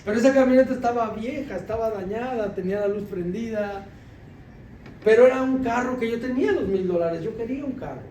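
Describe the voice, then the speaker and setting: A man, a deacon giving a sermon testimony, telling an animated story with laughter and dropping his voice low when he quotes others. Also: slight background noise. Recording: echoey room from far off with faint ambience.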